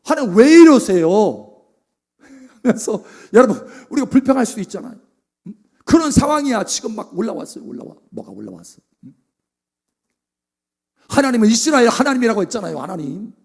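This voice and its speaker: A man's voice: extremely high pitch, big pitch swings, quick pace, vocal fry, long pauses, slightly rough. A male pastor preaching a sermon, acting out prayers and asking the congregation questions.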